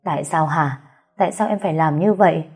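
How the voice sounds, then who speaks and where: A woman's voice: low voice, a little fast, slightly rough. A woman reading a novel aloud voices an older man, a grieving head of a wealthy house, who demands answers in a shaken voice. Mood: anguished. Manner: agitated shouting questions.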